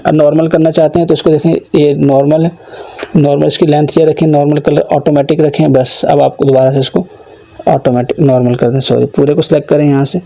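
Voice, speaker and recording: A man teaching a computer course, explaining each step of a screen-recorded software tutorial and voicing the learner's requests himself. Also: on the high side, creaky.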